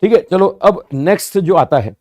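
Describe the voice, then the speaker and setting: A man teaching physics to students, explaining slowly and repeating points, often asking rhetorical questions and answering them himself. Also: sits high, animated, darkish tone. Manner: addresses students as "bhaiya" and "sahab". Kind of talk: classroom lecture.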